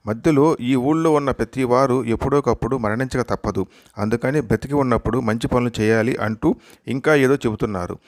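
A man reads short jokes aloud as the host of a joke channel, taking each line at an unhurried storyteller's pace and giving every part in his own plain voice. The voice sits in a middle register, recorded close and dry with no room sound. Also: medium pitch, no echo.

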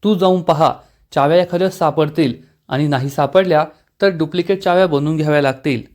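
A scheming older mother-in-law coaxes her family, as a man reads her lines. The voice sits fairly high for a man. It is told within a soap-opera recap. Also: fairly quick, darkish tone, close to an everyday voice. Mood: coaxing.

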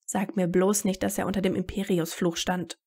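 A woman reading a fan story voices a blunt, sarcastic, determined teenage wizard hero who gets straight to the point, keeping close to her own reading voice. It's fairly low, gravelly and creaky, mellow, flat in delivery, and at normal speed, with a blunt, tense mood.

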